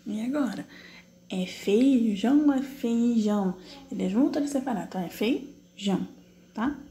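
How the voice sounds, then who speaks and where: Slightly high yet dark in tone, this animated woman's voice comes through with a little hiss or hum. She's a teacher working patiently through exercise corrections in an online class, asking herself questions, answering them step by step, and stretching out syllables as she spells while typing.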